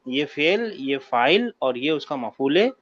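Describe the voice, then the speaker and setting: A man's voice: mid-range voice, lively intonation, fairly bright tone, dry recording, muffled recording. A man teaching a grammar class online, patiently quizzing his students and repeating key points. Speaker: Arabic teacher.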